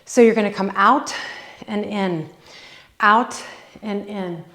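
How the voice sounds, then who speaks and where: A woman's voice: medium pitch, slow pace, a bit bright. A woman fitness instructor leading a workout at home, counting reps aloud and coaching with encouragement. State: out of breath at times.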